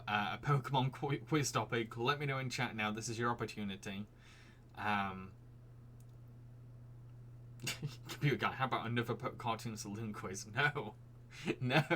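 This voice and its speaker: This British live stream quiz host has a Yorkshire accent mixed with posh Received Pronunciation, and he answers his chat in a giggly, chatty way. His mid-range voice is bright and forceful, with slight background noise.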